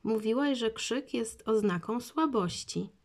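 A woman reads an eager young boy from a storybook, lifting her voice well above her own. He chatters with excitement, and a gravelly grain stays in the tone. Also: on the high side, measured pace, voice pushed up. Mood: puzzled.

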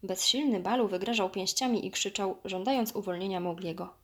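Female narrator, mid-pitched, lively children's story reading. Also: a little fast.

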